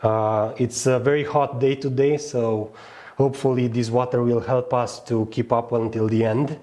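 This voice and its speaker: A man with a Romanian accent hosting a live outdoor panel event, speaking haltingly with frequent fillers and restarts. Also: medium pitch, steady tone, mellow. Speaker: event host. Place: outdoors at a fortress on a hot day.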